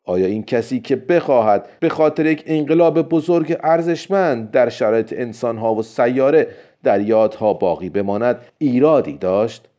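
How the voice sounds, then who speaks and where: A man narrating a science fiction story in a steady, storytelling way. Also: mid-range voice. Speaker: audiobook narrator. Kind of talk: scripted narration. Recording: dull lo-fi recording.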